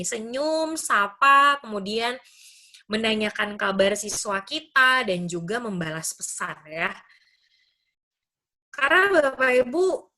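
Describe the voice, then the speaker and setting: A woman's voice: on the high side, pushed and bright. A woman university lecturer giving a webinar talk to teachers, explaining step by step, speaking over a video call. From Indonesia. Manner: explanatory, addresses audience as Bapak Ibu, acts out students' questions.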